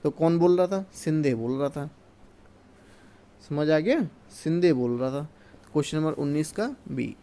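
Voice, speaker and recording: A man from India goes through exam questions as a teacher. He reads each English question slowly and then explains it in Hindi. His voice sits slightly high and sounds mellow and soft. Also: animated.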